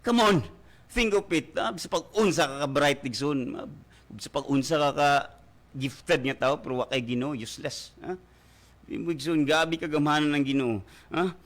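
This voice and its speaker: A man with a Filipino accent preaching a radio sermon as pastor. He preaches fervently, keeps tagging his lines with "ha?", and bursts into loud exhortations. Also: fairly high pitch, moderate pace. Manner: fervent preaching with constant "ha?" tag questions.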